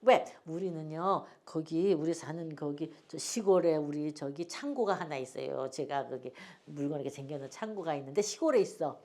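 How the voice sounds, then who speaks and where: A woman's voice: low voice, moderate pace, few pauses, a little mellow. An older woman teaching an English phonics lesson, patiently repeating each word for learners to echo and drifting into homely stories.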